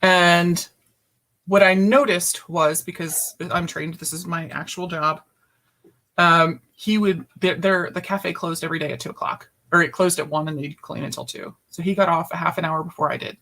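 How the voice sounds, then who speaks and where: A woman's voice: on the low side, steady tone, normal speed, a bit bright. Blunt, emphatic woman guest. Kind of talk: personal storytelling in conversation.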